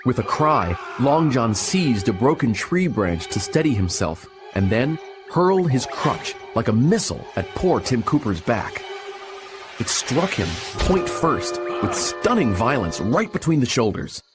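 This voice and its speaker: A man narrating an adventure storybook in an expressive reading style. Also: medium pitch, unhurried, over music.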